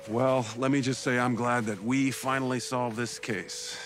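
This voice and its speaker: A man delivering a slow, dry line in a film clip. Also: mid-range voice, fairly even intonation, fairly bright tone, soft background music, close to an everyday voice. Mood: smug.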